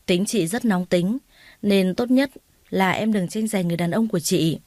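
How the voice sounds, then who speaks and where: A woman's voice: mid-range voice, normal speed, dry recording, natural voice. A woman voicing a scheming, jealous young woman who taunts her rival and puts on fake tears, in a dry recording. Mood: taunting. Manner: sharp, taunting, then whiny fake sobbing.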